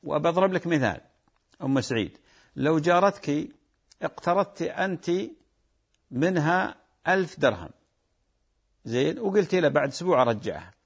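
A man's voice: a little high, animated, normal speed, creaky, long pauses, breathy edge. A man with a Gulf Arabic accent, an Islamic scholar answering callers' religious questions in a patient, explanatory way that repeats key points. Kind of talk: religious call-in Q&A.

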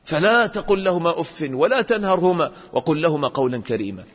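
Animated teacher in echoey hall. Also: male voice, on the high side, quick pace. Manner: animated, questions the class and acts out examples. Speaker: religious teacher. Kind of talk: religious lesson for children.

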